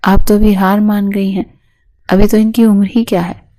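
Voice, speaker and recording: A woman voicing a kind, forgiving young wife and mother in a storybook reading, in a soft, even way. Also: mid-range voice, natural voice, low-quality recording. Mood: gentle.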